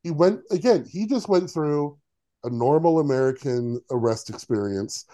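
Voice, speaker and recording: Male podcast co-host, mellow low tone, sarcastic, opinionated riffing. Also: lively intonation, normal speed. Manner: sarcastic, opinionated, lots of fillers. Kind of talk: casual chat.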